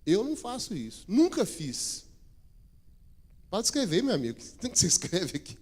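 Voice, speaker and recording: A pastor addresses his congregation during a weekday church service. His man's voice sits a little high. He jokes with the people and turns emphatic when he preaches. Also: huge pitch swings, moderate pace, a little mellow, slightly rough. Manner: chatty, joking with the congregation. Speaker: regional pastor.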